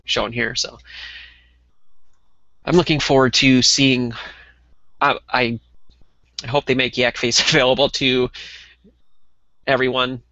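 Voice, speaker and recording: A man's voice: medium pitch, level tone, takes it slowly, pauses often, sharp tone, no room sound, muffled recording. A man co-hosting a casual podcast over a call, chatting loosely with lots of ums and restarts. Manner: conversational, many ums and restarts. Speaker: podcast co-host.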